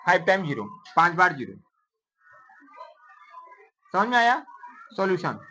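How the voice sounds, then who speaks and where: A woman's voice: lowish voice, sing-song, moderate pace, pushed and bright, faint music behind, low-quality recording. A woman math teacher in a classroom, counting digits aloud, mixing in English number words, and quizzing her pupils with repeated questions in a coaxing way. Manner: calls pupils "beta" in a coaxing tone. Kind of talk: classroom lesson.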